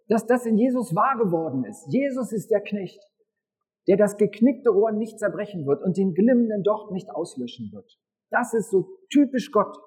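A man preaching a casual, animated sermon at a church service, talking to the congregation with a husky voice. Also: poor audio. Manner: lively, animated preaching with dramatic pitch swings. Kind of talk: children's-style sermon with a prop window.

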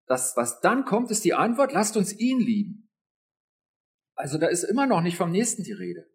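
A man preaching a sermon in a lively, intimate way, speaking straight to his listeners. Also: high voice, moderate pace.

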